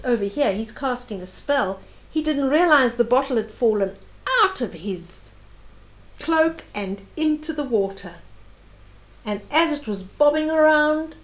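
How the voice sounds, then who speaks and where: A storyteller, an older woman with a high-pitched voice, recounts a picture book for young children using brief, expressive phrases that speak straight to the listener. The audio is poor.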